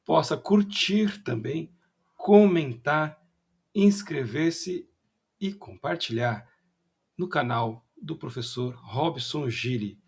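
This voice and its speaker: A Brazilian man teaching a grammar lesson, explaining patiently, checking in with "né?" after each point and drawing out example words slowly to show their sounds. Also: fairly high pitch, lively intonation, darkish tone, husky, no room sound. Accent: Brazilian Portuguese.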